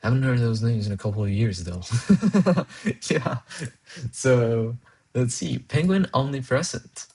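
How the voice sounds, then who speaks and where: With a darkish, breathy-edged mid-range voice, a young man from Colombia who grew up speaking Spanish talks a little slowly while programming on a livestream. He muses aloud in a rambling way, restarting sentences and using many fillers, often laughing and reading chat messages out loud.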